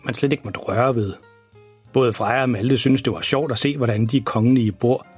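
A man narrating a children's bedtime story in a measured storytelling manner. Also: medium pitch, darkish tone, husky.

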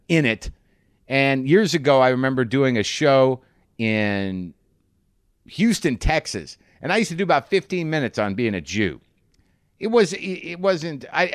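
A man's voice: medium pitch, no echo. A man hosting a podcast, talking casually with a wry, teasing edge and plenty of swearing. His voice sits in the middle range. The sound is close and dry. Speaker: podcast host. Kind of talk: casual chat. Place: garage studio.

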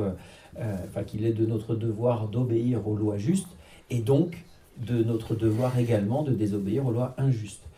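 A man on a panel explaining a concept in a measured way, with frequent hesitations. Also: lowish voice, dark tone, far from the mic. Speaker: panel speaker.

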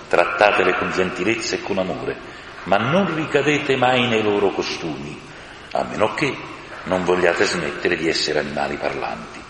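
A man voicing a majestic male lion, stern but joyful, speaking slowly and solemnly in an audiobook. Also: low voice, fairly bright tone, full character voice. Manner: slow solemn proclaiming. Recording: reverberant room with faint hiss.

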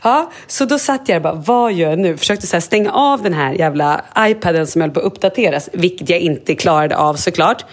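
A woman co-hosting a podcast from a hotel makeup room, telling stories excitedly and acting out quoted dialogue in a casual chat. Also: lowish voice, hardly any pauses. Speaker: podcast co-host.

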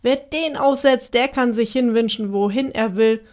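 Big simple-minded storybook giants arguing in a rush, voiced by a woman who reads them aloud. The voice sits fairly high and hurries along with insistent, pushing phrasing. It stays close to her own reading voice. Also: normal speed, natural voice.

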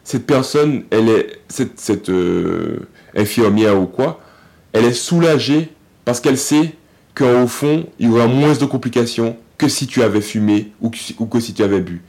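Stumbling through his answers with plenty of fillers and restarts, a male athlete guests on an informal podcast. His voice is medium-pitched and creaky, with a darkish tone.

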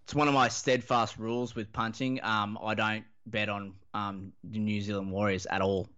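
Man, Australian accent, lowish pitch, laconic slangy drawl, casual sports chat, dull lo-fi recording. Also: little pitch movement, moderate pace, sharp tone, smooth. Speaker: fantasy rugby league podcast panellist. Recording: dull, lo-fi audio.

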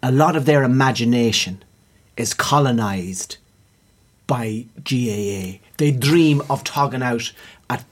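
An Irish-accented man hosting a casual chat, putting teasing, halting questions with a wry comic touch. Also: medium pitch. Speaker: podcast host asking questions.

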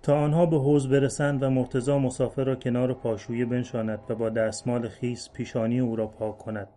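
A man reading a literary short story aloud in a measured, slow-building delivery. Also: medium pitch, dark tone. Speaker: story reader. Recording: faint music bed under voice.

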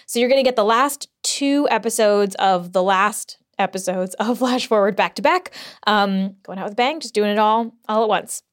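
A woman's voice: medium pitch, normal speed. A woman hosts a podcast, rambling casually through updates. She records huddled under a blanket fort in a closet, so her voice sounds dead and muffled. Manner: chatty and rambling, with fillers. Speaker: podcast host.

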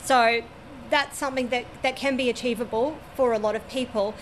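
A woman in her forties with an Australian accent works as an air traffic controller and gives detailed, matter-of-fact interview answers at a regional airport overlooking the runway. Her voice is a little high, her intonation fairly even, and her pace a little fast.

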